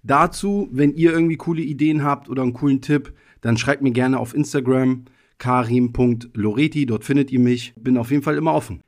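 A man's voice: medium pitch, fairly even intonation, fairly quick, a little mellow. Reflective man hosting a podcast. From Germany. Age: 30s. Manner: thoughtful, personal, loose with frequent hedging fillers. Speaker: podcast host. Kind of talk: casual reflective monologue.

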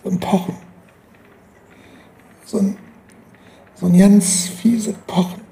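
A man playing a gravelly, brooding suspect. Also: high-pitched, little pitch movement, slow, dark tone, heavily acted. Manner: terse, evasive, muttering. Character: brooding male criminal under interrogation, evasive, plagued by headaches.

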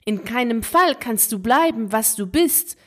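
Calm, wise storybook desert voice, as a woman reads it. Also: fairly high pitch, unhurried. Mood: calm, knowing.

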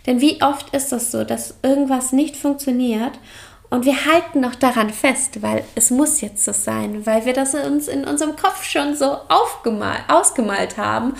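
Gravelly-voiced woman hosting a yoga podcast. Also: high voice, moderate pace. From Germany. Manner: calm, personal, speaks directly to the listener. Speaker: podcast host, yoga coach. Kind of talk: reflective solo podcast talk.

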